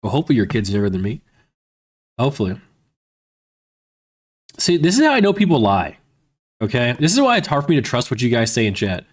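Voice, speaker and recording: A man's voice: mid-range voice, huge pitch swings, brisk, pauses often. A man in his thirties chatting casually on a livestream, rambling and filling his talk with "man" and "you know". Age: 30s. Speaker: livestreamer reading chat. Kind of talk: casual stream chat.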